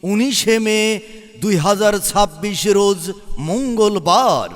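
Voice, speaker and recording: A man making a market announcement in a drawn-out calling voice, heard as an outdoor loudspeaker. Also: high-pitched, animated, big-room sound, soft background music.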